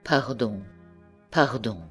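A woman reading the lines of a tormented young husband who pleads to be left alone, in an audiobook, at a slow, unhurried pace. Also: extremely low pitch, gravelly, fairly bright tone, faint music behind, exaggerated voice. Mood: remorseful.

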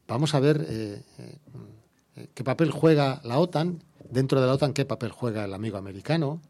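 Man, Andalusian accent, radio guest, indignant, rhetorical questions, middle pitch. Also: fairly quick, creaky, a little mellow. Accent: Andalusian Spanish. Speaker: environmental activist guest. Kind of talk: radio interview.

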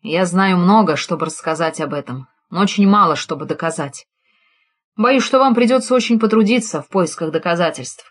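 A woman reading the lines of a calm, guarded imprisoned male officer in an audiobook, with a firm, weary delivery. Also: on the low side, normal speed.

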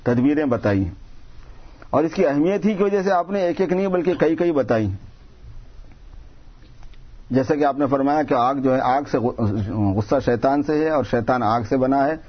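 A man's voice: mid-range voice, lively intonation, long pauses, slightly rough, highs cut off. A man giving a sermon, explaining patiently and repeating phrases for emphasis. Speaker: religious preacher.

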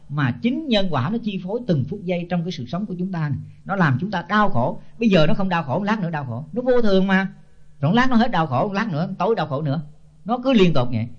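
An older man, a senior Buddhist monk giving a blunt, scolding sermon full of rhetorical questions. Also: high voice. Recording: dull lo-fi tape.

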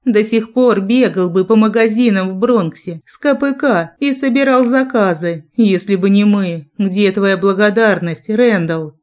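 A woman's voice: mid-range voice, a little slow, few pauses, darkish tone, close to an everyday voice. A woman voicing a scornful, mocking rich older husband in an audiobook. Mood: sneering. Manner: sneering, taunting.

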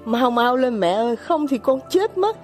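A high, wildly swinging girlish voice that is capricious and commanding, firing off urgent orders in an audiobook scene, as a woman reader puts her on. The tone stays mellow and soft-edged even at its sharpest. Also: normal speed, soft background music. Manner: urgent, bossy, near-shouting pleas. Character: young girl, feverish, capricious and commanding. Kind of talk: audiobook character voice.

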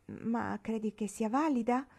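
Una donna che legge dà voce a una bambina seria e sensibile, che si offende facilmente. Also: female voice, lowish voice, sing-song, moderate pace, mellow. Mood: earnest. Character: earnest sensitive little girl. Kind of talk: audiobook reading.

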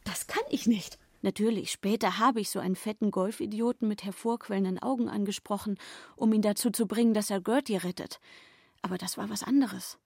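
A woman's voice: medium pitch, steady tone, fairly quick, creaky, slightly rough. A woman in her twenties playing a nervous but earnest young suffragette in a radio drama. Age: 20s. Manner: earnest, fretful.

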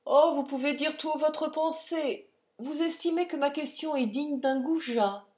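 A woman's voice: medium pitch, animated, slow pace, a little mellow. A woman reading a coldly ironic count. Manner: smooth mocking politeness. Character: cold ironic male count, polite and cruel. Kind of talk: audiobook reading.

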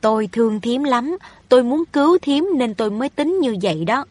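A woman's voice: fairly high pitch, lively intonation, a little fast, darkish tone, dry recording. A woman voicing a haughty wealthy young woman in a storybook reading, scolding and overbearing. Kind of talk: audiobook reading of a novel.

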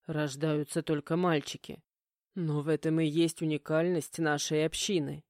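Brief: woman voicing a cold domineering young heir, low and warm-toned, curt and calm. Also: moderate pace, dry recording, clean studio sound. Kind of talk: audiobook character voicing.

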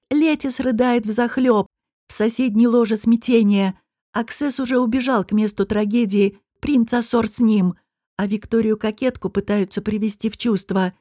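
A woman narrating a fantasy novel aloud in a slow, measured reading. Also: on the high side, mellow, no echo, clean studio sound. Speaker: audiobook narrator. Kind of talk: scripted narration.

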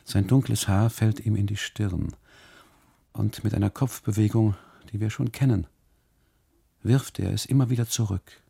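A tired, brooding husband turns his thoughts over in a radio drama monologue. The voice sits very deep, dark and rough with gravel and breath. He speaks slowly and close, with a dry sound. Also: steady tone, no room sound, heavily acted. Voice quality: gravelly, husky low voice. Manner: slow, inward, musing delivery. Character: brooding German husband on an unhappy holiday, weary. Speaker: first-person narrator of a radio monologue.

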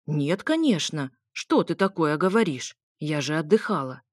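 A woman voicing a haughty, imperious old grandmother in an audiobook, speaking slowly, coldly and commandingly. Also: low voice, very animated, no echo, studio quality. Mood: indignant. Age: older. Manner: slow, cold and commanding.

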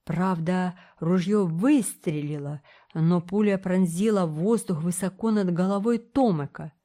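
A woman reading a children's adventure book aloud as a narrator, steady and expressive. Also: lowish voice, a little slow. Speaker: audiobook narrator.

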